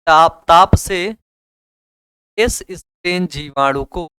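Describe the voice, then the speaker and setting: A man's voice: a little high, takes it slowly, bright, forceful tone, clear, resonant tone, no room sound. A young man with a Hindi accent teaching biology in a casual, joking way, asking students questions and repeating answers. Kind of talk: casual classroom lecture.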